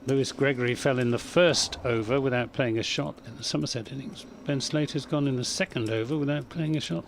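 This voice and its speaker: A man working as a cricket commentator, analysing live play in a measured way with wry understatement. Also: medium pitch, vocal fry, slight background noise.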